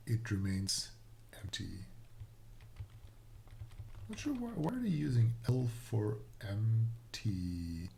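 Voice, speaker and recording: Keyboard typing and clicks fill the background as a man, a native Dutch speaker from the Netherlands or the Dutch-speaking Low Countries, thinks aloud while coding on a live stream. He speaks slowly and haltingly, musing and trailing off, in a low-ish, gravelly, warm voice with a slight hiss or hum.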